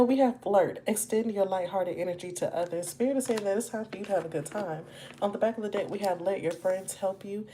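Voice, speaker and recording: A woman's voice: lowish voice, dark tone, slight background noise. Chatty woman giving a tarot reading. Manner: chatty, addresses viewers as y'all and baby. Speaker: tarot reader.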